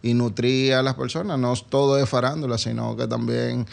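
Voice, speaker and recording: A man's voice: mid-range voice, fairly even intonation, moderate pace, vocal fry. A man with a Caribbean Spanish accent from the Dominican Republic, speaking conversationally as an interview guest. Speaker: interview guest, advertising company businessman.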